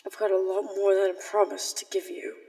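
A woman voicing a stern armored male bounty hunter, his voice metallic as it comes through a helmet, calm and commanding. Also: mid-range voice, brisk, long reverb tail.

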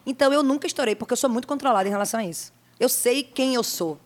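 A woman's voice: on the high side, very fast. A woman, chatting animatedly as a guest singer on a podcast in a studio, repeating herself for emphasis. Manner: animated, talks about herself with emphatic repetition. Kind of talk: casual podcast chat.

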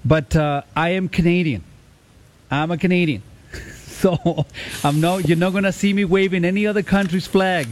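Male radio host, fairly high voice, easygoing and quick to laugh. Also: steady tone. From Chile. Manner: laughs often, many filler restarts. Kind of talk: casual radio talk.

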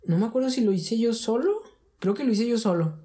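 A man's voice: very high voice, a little fast, mellow. A man with a Mexican accent casually telling a story from his childhood in slangy, rambling chat, dropping fillers into every phrase.

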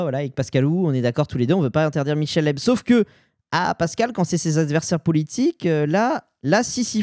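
A man's voice: a little high, warm tone, no echo. A man hosting his own commentary podcast, talking sarcastically with frequent hesitations and fillers, recorded close and dry. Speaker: podcast host.

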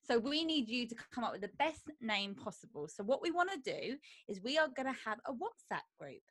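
A woman's voice: on the high side, big pitch swings, a little fast, a bit bright, no echo. Chatty south London woman, dry close sound. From Croydon, south London. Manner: chatty, self-deprecating, jokey. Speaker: podcast co-host. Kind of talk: casual podcast chat.

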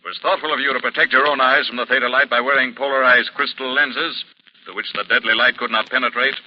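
An actor playing a stern, mocking invisible avenger in a 1940s radio drama, speaking in a commanding, ominous way. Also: male voice, mid-range voice, steady tone, fast talker, slight background noise, lightly acted. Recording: muffled old 1940s radio broadcast.

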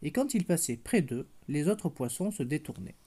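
A parent reading a bedtime story aloud, gentle and unhurried, stopping now and then to talk with the child. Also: mid-range voice, sing-song. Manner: gentle, stops to chat with the child.

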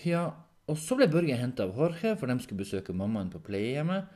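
A man's voice: medium pitch, very animated, dark tone, voice pushed up. A man voicing a confused schoolboy in an audiobook story, hesitant and stammering. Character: confused schoolboy, dazed and uneasy.

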